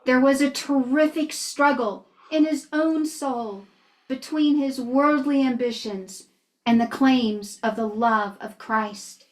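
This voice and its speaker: A woman's voice: sits high, slow pace, darkish tone. A woman telling a missionary story to children, earnestly reading aloud and asking them questions.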